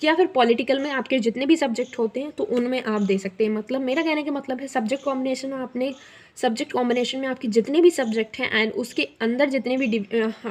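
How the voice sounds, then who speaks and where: A woman's voice: a little high, a little mellow. A young woman hosting an explainer video, talking conversationally with frequent fillers and words mixed in. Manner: conversational, many fillers, mixes English words into Hindi. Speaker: student guidance youtuber.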